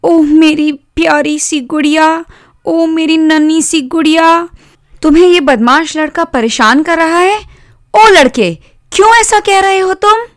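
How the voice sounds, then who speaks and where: A woman voicing a young girl who tenderly protects her rag doll, in a high cooing voice. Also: a little slow, no echo, clean studio sound. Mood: pleading.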